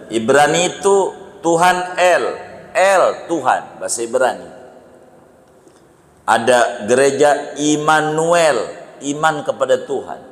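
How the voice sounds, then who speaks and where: A man preaching at a mosque study session, lecturing and repeating key words, often leaping higher for emphasis. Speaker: Islamic preacher. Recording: echoey hall reverb.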